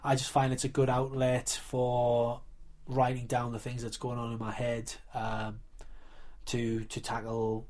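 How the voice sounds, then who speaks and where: Man, mellow timbre, flat intonation, earnest, explanatory interview style. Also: medium pitch, measured pace. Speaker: live role-play coordinator and referee.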